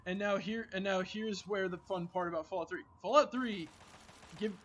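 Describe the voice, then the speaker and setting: A man's voice: high voice, normal speed, fairly bright tone, a little hiss or hum. A man streaming a game, chatting casually and rambling with lots of filler words and restarts. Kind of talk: casual gaming chat.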